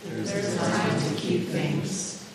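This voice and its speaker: A church congregation reading aloud together in a steady, chant-like unison, with heavy cathedral echo. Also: mid-range voice, takes it slowly. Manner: many voices reciting together in a steady chant-like rhythm. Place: large church sanctuary. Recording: distant crowd in an echoey church hall.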